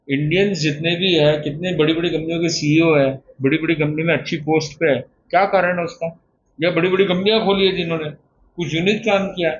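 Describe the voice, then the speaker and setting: A man with a high voice delivers a motivational discourse, asking rhetorical questions and answering them himself. His talk is plain and conversational. The recording is dull and lo-fi, with faint noise underneath. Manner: plain conversational mix of Hindi and English words. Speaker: speaker giving a motivational talk.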